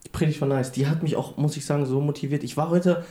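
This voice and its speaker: Young man with roomy, mellow voice. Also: fairly high pitch, fairly even intonation, fast talker, slight background noise. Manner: enthusiastic, youthful slang. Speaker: podcast co-host.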